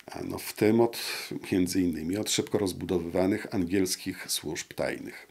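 Gravelly low-voiced older man, hesitant. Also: fairly even intonation, darkish tone. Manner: hesitant, many drawn-out "e" fillers. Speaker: interview guest. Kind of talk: measured historical explanation. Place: wood-panelled studio room with brick wall. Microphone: lapel mic.

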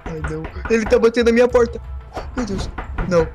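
A man's voice: very high voice, fast talker. A young Brazilian man playing a game who yelps and whines in a frantic way and keeps repeating himself. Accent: Brazilian Portuguese. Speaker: gaming guest. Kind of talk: panicked gameplay role-play. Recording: background music under voice.

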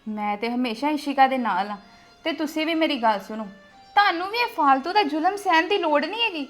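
Woman doing a defiant young wife, high voice, lecturing hard, faint music. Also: lively intonation, a little fast, a bit bright. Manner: assertive, lecturing.

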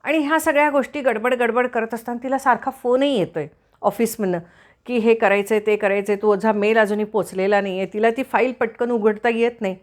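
A woman's voice: on the high side, fairly quick. A woman giving family advice in casual storytelling, now and then acting out the voices of the people in it. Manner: retells a scene, briefly acting out voices.

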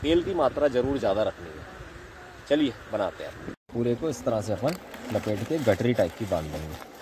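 His voice on the low side with big swings in pitch, an Indian man in his thirties talks at a moderate pace while cooking outdoors by a river. Chatty and friendly toward viewers, he records on a phone at arm's length amid outdoor noise.

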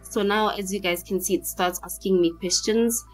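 A woman's voice: medium pitch, steady tone, normal speed, soft background music. A South African woman talking casually to her viewers, chatty and full of fillers, often checking that they follow her. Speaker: vlogger giving career advice.

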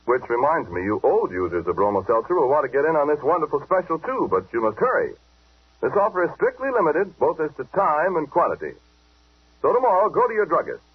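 A man's voice: fairly high pitch, sing-song, brisk, breathy edge. A man announcing a commercial in the chummy, persuasive patter of an old 1940s radio broadcast. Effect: old 1940s radio broadcast sound. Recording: tinny, phone-narrow 1940s radio recording.

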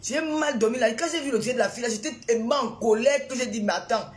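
A Cameroonian social media personality with a slightly high voice talks fast on a phone live stream. She greets her viewers by name and rattles off indignant rhetorical questions.

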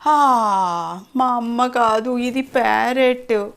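A woman voicing a little lost baby monkey that pleads slowly and tearfully, drawing out its words. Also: fairly high pitch, vocal fry, heavily acted. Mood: wailing, pleading. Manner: slow, drawn-out whimpering complaints.

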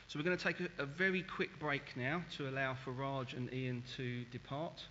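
Brisk, businesslike man chairing in a reverberant hall. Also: medium pitch, level tone, sharp tone. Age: middle-aged. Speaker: committee chair. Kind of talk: formal meeting chairing. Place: large council chamber. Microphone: desk microphone. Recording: dull, reverberant hall audio with faint hiss.

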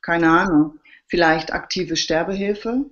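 A woman's voice: fairly low pitch, a little slow, fairly bright tone. A woman voicing a wry male police colleague with an offhand way of talking, in a dull lo-fi recording.

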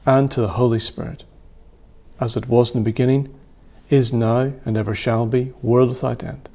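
Solemn man reading liturgy, gravelly edge. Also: mid-range voice, fairly even intonation, a little mellow. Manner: measured, solemn reading aloud. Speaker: priest leading worship. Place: small church room by a window.

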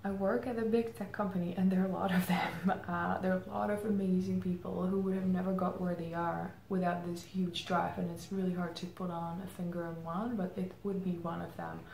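A marketing head from the Czech Republic answers interview questions reflectively, pausing thoughtfully with plenty of "um"s. Her low-side voice has a darkish tone, vocal fry and little pitch movement. She's recorded indoors before a plain grey backdrop, with roomy echo and faint ambient noise.

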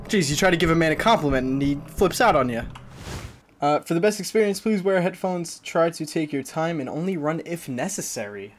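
Here a twenty-something streamer sounds animated and slightly high-pitched, talking a little fast as he cracks wry jokes about a horror game for his chat. The recording carries a faint hiss or hum, plus game music, in a small indoor streaming room.

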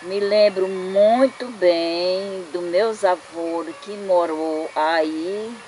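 A woman speaks as a village leader in a very slow, measured way. Her voice is somewhat low. She was recorded outdoors in a shaded clearing for a documentary, with faint ambience behind her. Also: fairly even intonation, a little mellow, slight background noise, low-quality recording. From Ceará, Brazil. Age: 60s. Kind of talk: documentary interview.

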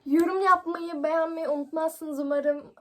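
A woman's voice: extremely high pitch, steady tone, normal speed, fairly bright tone. A young woman hosting a video and chatting casually to viewers. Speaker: prank video host. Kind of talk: casual vlog chat.

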